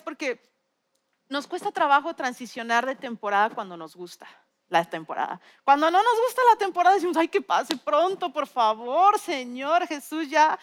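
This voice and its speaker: Woman preacher, 40s, high pitch, personal stories, emphatic repetition. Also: fairly bright tone. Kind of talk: sermon.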